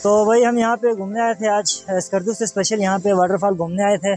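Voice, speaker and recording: Standing outdoors by a mountain waterfall, a young man from Pakistan narrates a casual travel vlog, addressing viewers directly in a chatty, touristy way with his phone at arm's length. He speaks briskly in a high, level, slightly mellow voice, with faint music behind.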